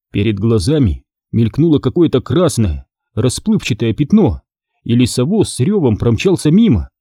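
A male narrator reading a children's book aloud with lively, varied pitch. His voice is mellow and husky. The recording is dry and close. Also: dry recording. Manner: expressive storytelling. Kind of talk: audiobook narration.

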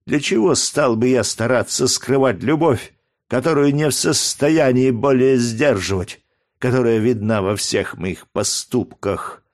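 A lovesick young gladiator declares himself in a breathless, impassioned rush, his voice shaking with feeling, as a male narrator plays him. A lower man's voice carries the storybook speech. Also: dry recording, clean studio sound.

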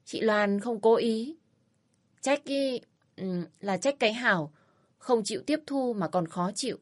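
A woman voicing a fawning, two-faced young woman who flatters the elders and blames others. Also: fairly high pitch, voice pushed up. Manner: wheedling, flattering.

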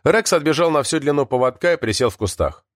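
Man narrating with lively pitch. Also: fast talker, no echo, studio quality. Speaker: audiobook narrator. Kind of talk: scripted narration.

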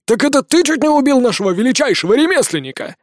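A belligerent gray-bearded old dwarf barks accusations in a high, strained voice, as a man performs him. The storybook delivery is dry and close. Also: fairly quick, no echo, lightly acted. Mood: angry alarm. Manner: shouting, hostile, contemptuous.

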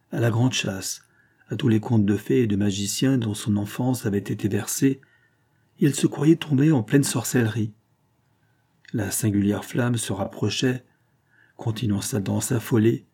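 A man narrating a classic novel as an audiobook in a steady, measured storytelling manner. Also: medium pitch, slightly rough. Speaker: audiobook reader.

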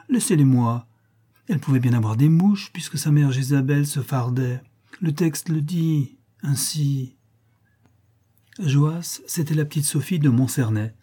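A man narrating a classic short story as an audiobook reading, in a measured, literary storytelling manner. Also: medium pitch, dark tone, husky.

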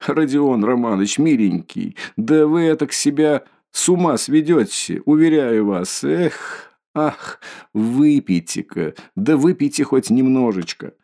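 A man's voice: mid-range voice, lively intonation, a little slow, mellow. A man voicing a sly, fussy middle-aged male police investigator who wheedles and fawns, in an audiobook reading. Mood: fussing. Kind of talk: audiobook character voice.

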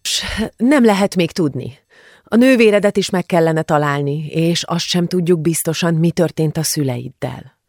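A woman's voice: sits low, a little mellow, dry recording, clean studio sound. A woman voicing a cautious, caring middle-aged neighbor who speaks hesitantly and reassuringly in an audiobook. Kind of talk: audiobook character voice.

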